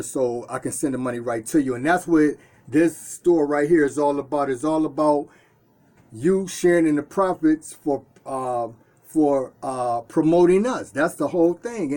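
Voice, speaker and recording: Recording on his own camera from inside his shop, a man from Detroit who owns the store speaks at normal speed in a voice on the high side with a dark tone. The talk is casual yet earnest, with frequent repeated and restarted phrases.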